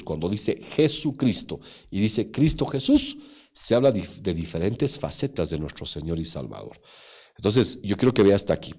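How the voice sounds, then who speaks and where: Mellow-voiced man preaching with sweeping pitch. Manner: preaching with emphatic rises and asides to the congregation. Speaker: pastor. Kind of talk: sermon. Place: church online meeting.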